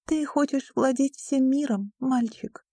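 A firm, middle-aged school director speaks with stern authority in a raised voice, as a woman reader puts her on. The tone is mellow and the dry recording close. It is a storybook performance. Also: high-pitched, measured pace, no room sound, voice pushed up. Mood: pitying.

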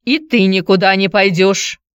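A woman's voice: medium pitch, steady tone, moderate pace, clean tone, no room sound, muffled recording, natural voice. Brief: storybook figure, reserved grown man, short hesitant replies, a woman narrator doing him. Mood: terse. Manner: terse, hesitant. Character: awkward, restrained ex-husband, grown man.

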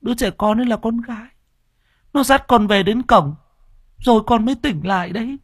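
A man voicing a frightened young boy in an audiobook, his voice pushed high and strained. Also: moderate pace, slightly rough, no room sound. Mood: weak, earnest.

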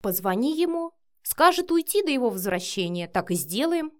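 Woman voicing a sharp-tongued, blunt friend. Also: fairly high pitch, sing-song, normal speed. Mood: soothing. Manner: snapping, sarcastic, loud. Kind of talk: audiobook character reading.

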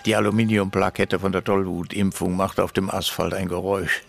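A wry, deadpan radio-play storyteller with a gravelly, low voice. He lays out a grim story flatly, with dark humor. The telling stays dry and unhurried. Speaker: radio drama actor. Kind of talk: radio drama acting.

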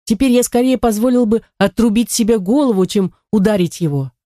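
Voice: medium pitch, brisk, dark tone, dry recording, clean studio sound, voice pushed up, lightly acted. A reader voicing an earnest teenage boy who confesses with remorse. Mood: remorseful.

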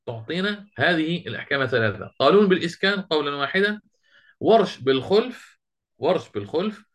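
A man teaching a Quran recitation lesson, quizzing his students and chanting the verses he quotes slowly. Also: fairly high pitch, fairly bright tone.

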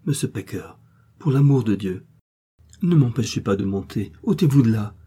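A man's voice: medium pitch, normal speed, dark tone, breathy edge. A man voicing a passionate young woman who begs and implores in a storybook reading. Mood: urgent. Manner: imploring, pleading.

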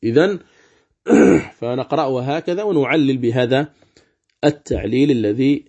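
A man teaching Quran recitation rules, explaining calmly and chanting example words slowly. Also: mid-range voice. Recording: dull lo-fi recording.

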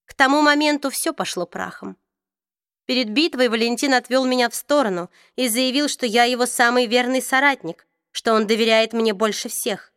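A woman's voice: a little high, normal speed, fairly bright tone, smooth, dry recording, studio quality, voice pushed up. Bitter proud woman, read by a woman. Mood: weary, bitter. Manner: intense, accusing. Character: bitter proud middle-aged woman, former rebel.

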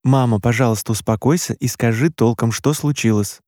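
A man's voice: mid-range voice, brisk, dark tone, no echo, clean studio sound, lightly acted. A man reading an anxious young man. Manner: anxious, urgent questions. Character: shaken young man, eighteen, son.

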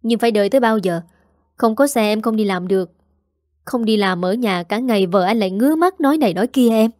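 A spoiled young sister, whining and sulking in a slightly higher voice, as a woman reading a story puts her on. The sound is mellow and close. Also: fairly quick, no echo, lightly acted. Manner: whining, sulky.

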